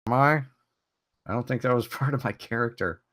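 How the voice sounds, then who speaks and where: A man playing a tabletop game, talking in casual banter with a wry, halting, joking manner. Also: mid-range voice, fairly bright tone, no room sound, studio quality.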